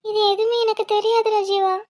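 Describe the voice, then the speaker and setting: A woman voicing a quick-tempered young female student, sharp and worried for her family. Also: very high voice, little pitch movement, voice pushed up.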